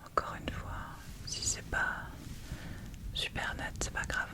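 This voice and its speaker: A woman whispers her way through an ASMR makeup tutorial, hushed and unhurried, describing each step as she does it. A soft thunderstorm plays in the background of her video.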